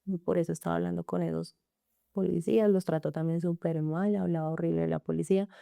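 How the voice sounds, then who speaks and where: A woman's voice: fairly low pitch, fairly even intonation, quick pace, gravelly, mellow, dry recording, clean studio sound. A woman with a Colombian accent earnestly recounting her own story in an interview, speaking in long run-on sentences and often quoting what others said. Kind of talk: emotional personal testimony in an interview.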